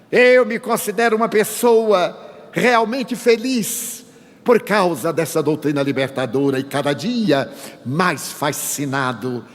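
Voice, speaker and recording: An older man from Bahia tells a story in a spiritist lecture, playful and humorous as he acts out both sides of the dialogue. His voice sits high for a man. The sound carries a long reverb from a large hall. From Bahia, Brazil. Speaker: spiritist speaker. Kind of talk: sermon-style lecture with anecdotes.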